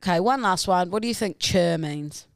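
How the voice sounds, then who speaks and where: A woman's voice: on the low side, moderate pace, creaky, no echo, studio quality. A young woman with a New Zealand accent bantering casually on a podcast, blunt, sweary and playful. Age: young adult. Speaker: podcast co-host. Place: indoor podcast set on couches. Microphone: close boom-arm podcast microphone.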